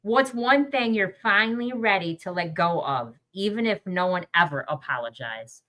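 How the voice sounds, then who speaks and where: A woman's voice: mid-range voice, lively intonation, moderate pace, a bit bright. A woman hosting a podcast, asking questions in a casual group conversation with an informal, encouraging manner. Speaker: podcast host.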